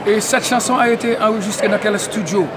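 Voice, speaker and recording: A man who interviews at an event, excitable and tagging nearly every phrase with "hein?". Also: high-pitched, fairly quick. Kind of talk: casual community media interview. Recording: noisy crowded public event. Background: crowd chatter.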